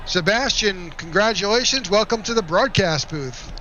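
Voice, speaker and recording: A man calling a race broadcast in a high, bright and forceful voice. He keeps an upbeat announcer's tone and reads out the finishing order in a steady list. A faint hiss sits under his voice. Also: moderate pace, dull audio. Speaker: play-by-play announcer.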